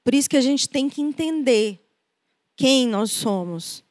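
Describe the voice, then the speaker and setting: High-voiced Brazilian woman preaching. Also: lively intonation, measured pace, no echo. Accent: Brazilian Portuguese. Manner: conversational, acts out quoted voices. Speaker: preacher and therapist. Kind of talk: sermon.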